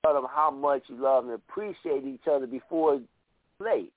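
A man's voice: medium pitch, moderate pace, no room sound. A man of about fifty calling in to a radio show over a phone line, earnestly reciting a poem and then chatting with restarts. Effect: heard over a phone line on a radio call-in show. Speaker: radio show caller and poet. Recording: tinny phone line, dry.

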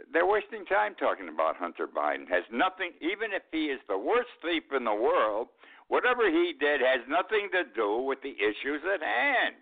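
A man hosting his own talk radio show, out of breath and giving rambling, frank political commentary. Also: on the low side. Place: Key West, Florida. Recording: tinny phone-line internet radio.

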